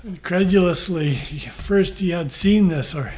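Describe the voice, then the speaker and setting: An older man reading scripture aloud and then preaching a sermon in slow, measured phrases with frequent pauses. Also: sits high, a little mellow, slight background noise.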